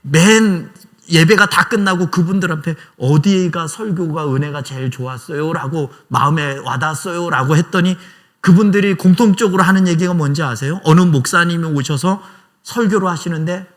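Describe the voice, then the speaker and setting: A male pastor preaching a conversational, emotional sermon in a small church, acting out prayers aloud. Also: on the high side.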